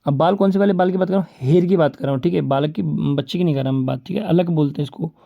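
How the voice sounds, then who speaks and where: This vocabulary lesson for exam prep comes from a man with a creaky, fairly high voice and a Rajasthani Hindi accent, recorded with the highs cut off. He fires off word lists, frequently saying "ठीक है" and "बोलते हैं", and greets his audience as "दोस्तों" and "भाई".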